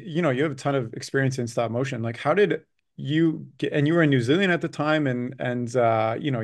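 A man hosts a casual interview and talks at a quick clip. He asks his questions with enthusiasm. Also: medium pitch. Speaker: podcast host.

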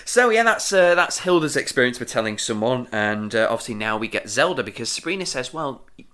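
Brief: male podcast co-host, animated pitch, bright tone, laughs easily. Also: fairly quick. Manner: lively, giggly, loose storytelling. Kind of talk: casual chat recapping a TV episode.

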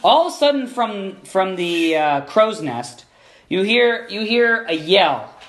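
A high-voiced man running a tabletop role-playing game, narrating scenes and calling for checks. He talks casually, restarting sentences as he goes. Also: big pitch swings, takes it slowly, a bit bright. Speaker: game master.

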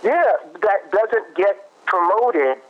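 A guest expert on parenting explains things conversationally, thoughtful and often restarting as he cites research. His voice sits high and is expressive, and he speaks slowly, heard through muffled lo-fi audio.

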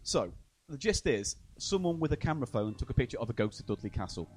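A man's voice: medium pitch, sing-song, quick pace, a little hiss or hum. A man hosting a comedy podcast, upbeat and laughing often. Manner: upbeat, laughs a lot, runs the segments. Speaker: podcast host. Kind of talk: comedic banter.

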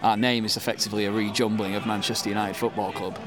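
A man's voice: fairly low pitch, level tone, fast. A man in his thirties with a Manchester accent, chatting casually in an interview with lots of ums and restarts. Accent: Mancunian. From England. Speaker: football fan interviewee. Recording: crowd noise behind.

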